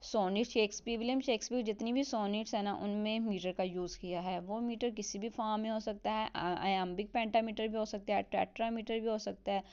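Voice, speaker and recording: A woman explaining a literature lesson step by step, asking herself questions and reading English definitions slowly. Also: medium pitch, steady tone, a little mellow, smooth, highs cut off. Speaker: online English literature teacher. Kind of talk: explanatory lesson, Hindi mixed with English terms.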